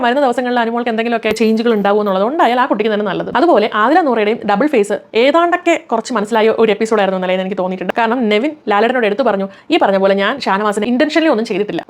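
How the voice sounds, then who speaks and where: A woman giving opinionated commentary on a reality show, emphatic and often putting questions to her viewers. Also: fairly high pitch.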